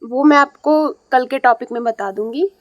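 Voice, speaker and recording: A woman's voice: high voice, normal speed, no echo, dull audio. A woman teaching young students English reading, explaining patiently and checking in often. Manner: patient, repeats and checks with "ठीक है".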